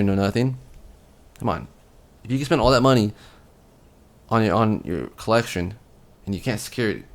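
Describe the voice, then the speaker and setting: A man with a fairly low voice talks straight to camera, offering casual collecting advice. His delivery is relaxed and rambling, full of ums and restarted phrases. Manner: relaxed, rambling, repeats himself, frequent ums. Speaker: collecting channel host.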